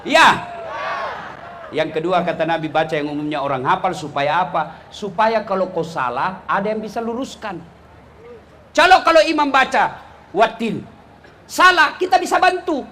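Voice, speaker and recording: A man with an Indonesian accent gives a comic sermon in a very high voice that leaps all over the place. He tells stories and then shouts his punchlines, and faint room noise sits behind him. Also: moderate pace, long pauses. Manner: animated storytelling, shouting punchlines. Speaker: preacher. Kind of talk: humorous sermon.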